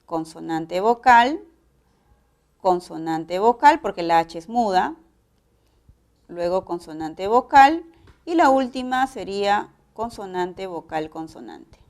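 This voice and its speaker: A woman with a Peruvian accent teaching a pre-university class, explaining each step in a measured way. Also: mid-range voice, animated, darkish tone. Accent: Peruvian Spanish. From Peru. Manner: measured, explanatory, spells out syllable patterns.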